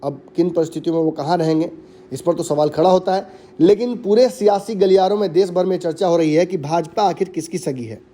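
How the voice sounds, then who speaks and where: A man anchoring a news bulletin, giving measured, emphatic political commentary. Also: high voice, dark tone.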